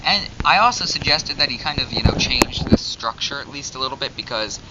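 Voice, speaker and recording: A man's voice: medium pitch, lively intonation, brisk. Chatty man narrating a game, lo-fi. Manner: chatty, rambling, easily exasperated. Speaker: gamer narrating his Minecraft series. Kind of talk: casual gameplay commentary. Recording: dull lo-fi mic with loud noise.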